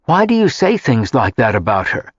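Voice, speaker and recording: A man's voice: medium pitch, very animated, moderate pace, husky, no echo, lo-fi sound. A man reading an audiobook, voicing an indignant young woman who challenges a rude guest. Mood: challenging. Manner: protective, challenging. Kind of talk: audiobook character voice.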